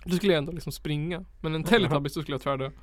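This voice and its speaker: A man in relaxed conversation, his voice sitting a little higher than most men's. He tells anecdotes with animation and jumps into little acted-out quotes. He sounds like a dad swapping stories with a friend on a podcast. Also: dry recording. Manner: animated storyteller who acts out quotes. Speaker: father. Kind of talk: casual chat.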